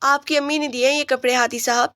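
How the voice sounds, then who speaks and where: Storybook read: a woman plays a proud, defiant young heroine who will not back down, high and dry. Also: steady tone, sharp tone, no room sound. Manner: teasing, defiant.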